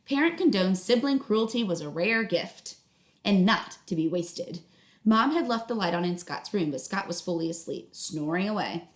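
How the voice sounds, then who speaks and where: This teacher-style read-aloud comes from a woman whose medium-pitched voice is animated. Pausing the story, she explains, checks that the young audience is following, and praises their replies, all in an echoey room.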